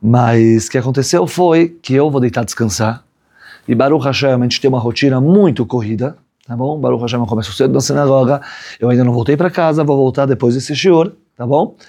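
Rabbi, husky mid-range voice, chatty storyteller, keeps checking in with his listeners. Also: medium pitch, brisk, warm tone. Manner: chatty, checks in with "right?" tags. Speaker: rabbi teaching a class. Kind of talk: conversational Torah lesson with a story.

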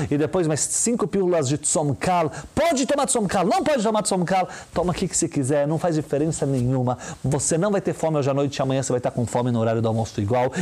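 A man with a Brazilian Portuguese accent giving a lively religious talk, full of rhetorical questions and quick mimicry. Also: on the high side. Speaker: religious teacher. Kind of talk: lively sermon-style talk.

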